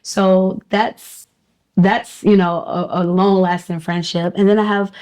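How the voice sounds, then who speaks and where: A woman talking with friends in a casual, chatty roundtable, often laughing and quickly agreeing. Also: mid-range voice, level tone, a little mellow. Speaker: podcast guest.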